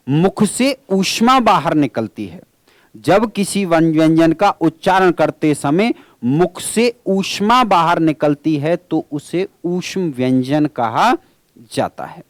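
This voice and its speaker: A man delivers an exam-prep grammar lecture in a slightly high voice. He keeps asking his class questions and answering them himself, and he calls his listeners friends. The recording is close and dry. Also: no room sound. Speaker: teacher.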